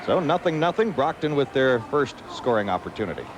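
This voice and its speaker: An American man working as a sports announcer, narrating scripted hockey highlights and commentary. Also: very animated, a little fast, highs cut off, noisy background.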